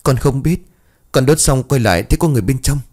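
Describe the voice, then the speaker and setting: A man's voice: mid-range voice, animated, racing, warm tone, pitched above the performer's own voice, natural voice. A man voicing a scared young village boy who stammers as if about to cry. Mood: tearful fear. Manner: stammering, on the verge of crying.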